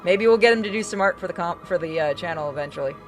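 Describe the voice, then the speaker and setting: Game music plays behind a fast-talking woman whose voice sits fairly low. She's streaming a video game and keeping up loose, informal chatter while she plays.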